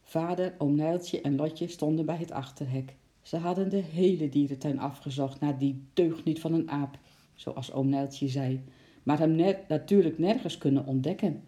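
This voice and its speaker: A storyteller reading a children's book aloud in a lively, expressive way, acting out sound words along the way. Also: mid-range voice, normal speed.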